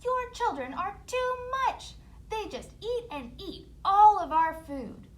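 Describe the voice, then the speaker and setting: Woman playing a high, whiny scheming stepmother. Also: huge pitch swings, unhurried, heavily acted. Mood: whiny indignant. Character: selfish, scheming stepmother, whiny and falsely nice.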